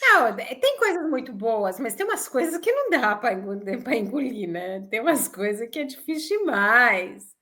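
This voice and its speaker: Lively high-pitched Brazilian woman. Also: normal speed. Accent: Brazilian Portuguese. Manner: animated, emphatic, repeats points. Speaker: co-host. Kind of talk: casual opinion chat.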